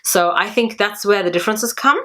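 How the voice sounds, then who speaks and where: A woman raised in Germany, whose first language is Tamil, hosts her own channel with a medium-pitched, brisk, slightly bright voice. Her video diary is rambling and chatty, packed with fillers.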